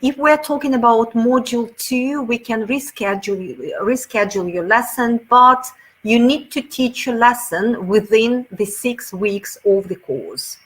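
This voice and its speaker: A woman with a Russian accent, a teacher trainer speaking in a webinar, answers audience questions over a video call in a thoughtful, explanatory way. Her voice is a little high and unhurried with a breathy edge, and the recording is rough.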